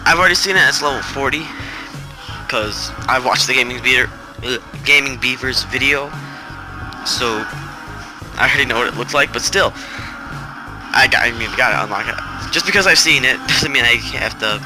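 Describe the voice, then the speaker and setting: A man's voice: mid-range voice, moderate pace, long pauses. Stressed young guy narrating gameplay over music. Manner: flat, robotic-sounding delivery; rambling, self-correcting. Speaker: gaming channel host. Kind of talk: casual gameplay commentary. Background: game music.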